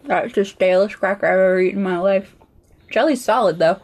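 A woman's voice: mid-range voice, fairly quick, a little mellow. A woman co-hosting a podcast, chatting casually while taste-testing food, with blunt, grumbly reactions as she chews. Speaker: podcast co-host. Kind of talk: casual chat, food tasting.

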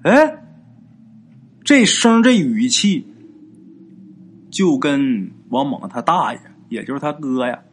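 A man with an expressive, unhurried voice casually tells a ghost story in colloquial speech. He acts out the characters' lines with big jumps in pitch.

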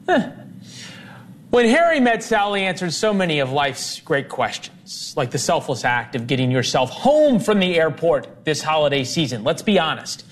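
High-voiced, wry male TV host. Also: moderate pace. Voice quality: lively and wry, playfully argumentative. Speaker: news show host. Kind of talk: TV talk show presenting.

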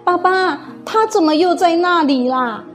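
A woman's voice: high-pitched, normal speed, pitched above the performer's own voice, natural voice. A woman voicing a frightened twelve-year-old girl who whines and pleads to her father. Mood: whiny. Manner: whiny, pleading. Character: young girl, about twelve, frightened and clingy.

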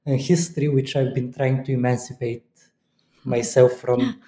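A professor from Bulgaria speaking as a guest in an interview, thoughtful and hesitant, with many fillers. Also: male voice, mid-range voice, little pitch movement, normal speed, warm tone, echoey room. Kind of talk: academic interview.

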